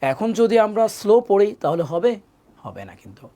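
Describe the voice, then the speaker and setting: A man teaching a live online Quran class, drilling Arabic letter sounds syllable by syllable, pitch rising on the repeats, then speeding up for quick explanations. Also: lively intonation, dark tone. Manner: quick asides when explaining.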